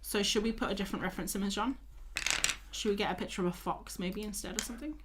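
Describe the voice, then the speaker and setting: A young woman art streamer, tired and losing her voice, chats casually with viewers while painting live. She is chatty and self-mocking, speaking quickly at a medium pitch in a steady tone, with heavy background noise.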